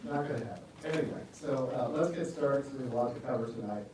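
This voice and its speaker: Man with a Brooklyn accent, parish lecturer, relaxed and self-deprecating, heard from a distance in a reverberant hall. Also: mid-range voice, fast talker. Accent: New York (Brooklyn). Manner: casual, self-deprecating, frequent ums and uhs. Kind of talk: parish adult education lecture. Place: church hall. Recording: echoey room from far off with noise.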